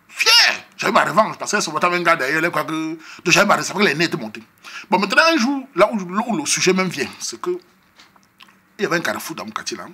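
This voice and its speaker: Husky fast-talking Cameroonian man. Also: a little high. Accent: Cameroonian French. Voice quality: husky, animated, acting out scenes. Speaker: comedian. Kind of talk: comic storytelling.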